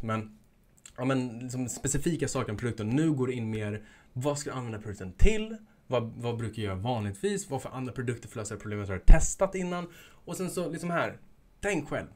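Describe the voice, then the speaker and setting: A young man giving a casual instructional talk as an e-commerce coach, energetic and hyping things up with jokey asides. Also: medium pitch.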